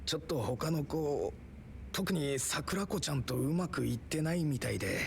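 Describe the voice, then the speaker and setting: An actor playing a deferential cabaret staffer in a video game, speaking in a polite, formal way. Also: male voice, on the high side, lively intonation, fast talker, gravelly, a little hiss or hum. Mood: dutiful, apologetic.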